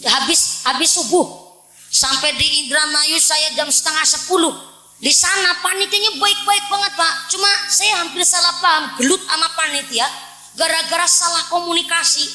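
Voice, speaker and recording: A woman's voice: very high-pitched, steady tone, moderate pace, bright, forceful tone, roomy sound, low-quality recording. A woman preacher from Central Java with a Banyumas Javanese accent, giving a playful, joking sermon to a village crowd and often addressing the men as "Pak". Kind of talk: humorous religious sermon. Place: village religious gathering.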